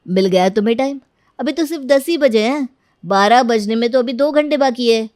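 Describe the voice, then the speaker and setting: A woman's voice: fairly high pitch, moderate pace, darkish tone, no echo, studio quality, natural voice. A woman voicing a sulking, sarcastic young man in a cartoon story. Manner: sarcastic, grumbling.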